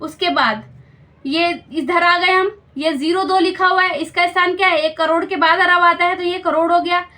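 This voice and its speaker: A woman's voice: very high voice, fairly even intonation, normal speed, bright, forceful tone. A woman teaching a school maths lesson step by step, patiently explaining and checking understanding with questions.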